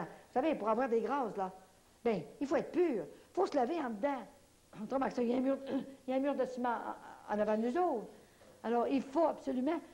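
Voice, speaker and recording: A woman with a Québécois French accent gives a religious testimony at a church prayer evening in a mellow, medium-pitched voice. She tells her story vividly, acting out the dialogue.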